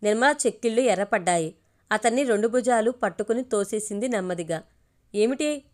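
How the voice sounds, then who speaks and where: A woman's voice: medium pitch, fast. Woman narrating an audio story.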